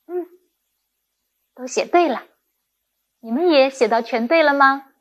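A woman's voice: high voice, measured pace. A woman primary school teacher giving a recorded lesson to young children, speaking in a patient, encouraging way.

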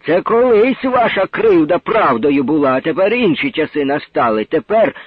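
A man voicing a defiant poor peasant man who declaims slowly and forcefully in a quarrel. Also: fairly high pitch, lively intonation, breathy edge, dry recording, dull audio.

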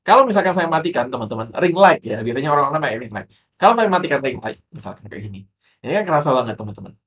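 A man's voice: medium pitch, a bit bright. A man with an Indonesian accent giving a casual tutorial to camera as a digital marketing instructor, in a room lit by a ring light. He talks in a chatty way, with many fillers and tags, and lifts his voice on key points.

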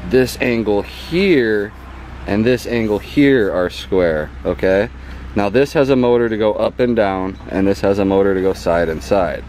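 A man's voice: on the low side, unhurried, a little mellow, a little hiss or hum. A man giving a casual hands-on demonstration outdoors in a yard, often checking in with "okay?" and filling gaps with ums. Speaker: hobbyist explaining a homemade astrophotography mount.

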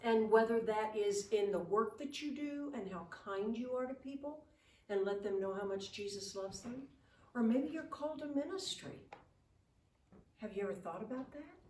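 A woman's voice: fairly high pitch, normal speed, a little mellow. A middle-aged woman giving an earnest, encouraging chapel talk to children. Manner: earnest, encouraging, gesturing while speaking. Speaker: ministry speaker at school chapel. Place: living room, indoors. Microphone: far camera. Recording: roomy, distant camera audio with faint noise.

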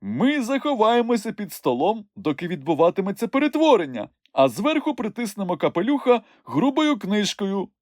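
A man voicing a sensible male wanderer creature who gives brisk, matter-of-fact advice in an audiobook. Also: high voice, big pitch swings, a little mellow, dry recording, studio quality, voice pushed up. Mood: practical. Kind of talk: audiobook character voice.

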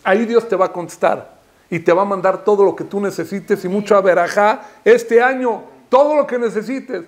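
A man's voice: high voice, normal speed. A man, a rabbi giving a Torah sermon, emphatic and rising to impassioned repeated calls, with Hebrew terms mixed in. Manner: peppers speech with Hebrew terms.

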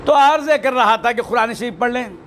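A man's voice: very high-pitched, a little fast, a bit bright, a little hiss or hum. A man delivering a sermon as a preacher. He asks rhetorical questions, answers them himself and recites Arabic verses. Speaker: Sufi preacher.

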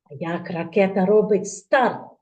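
Slow, clearly spoken kindergarten teacher woman. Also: medium pitch, muffled recording. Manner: slow, clearly articulated, prompting children to repeat words. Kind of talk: speech lesson for preschool children.

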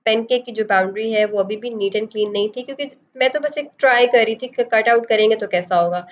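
A woman with a fairly high voice walks through a design tutorial one step at a time. She mixes English phrases into her explanations. The voice-over sounds a little dull and lo-fi. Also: fairly quick. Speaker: design instructor. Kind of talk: screen-recorded software tutorial.

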